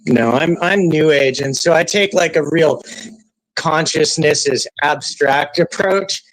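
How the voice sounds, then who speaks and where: A man with a slightly higher voice, heard through badly crackling, distorted audio on a browser call. He talks as a guest in a casual debate, rambling and hesitating through his thoughts. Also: unhurried, fairly bright tone, no room sound. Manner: rambling, hesitant explaining with fillers. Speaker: guest caller. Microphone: browser call mic.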